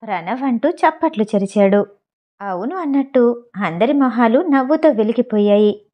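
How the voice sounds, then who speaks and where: A woman's voice: a little high, expressive, moderate pace, lo-fi sound. A woman narrating an audio novel, reading every character's lines herself. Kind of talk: storytelling narration with character dialogue.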